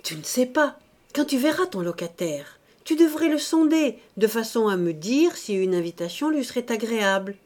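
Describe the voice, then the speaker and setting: A woman's voice: a little high, big pitch swings, normal speed, a little mellow. A woman voicing a scheming older society lady who speaks in an affected, exclamatory, falsely sweet way. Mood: smooth.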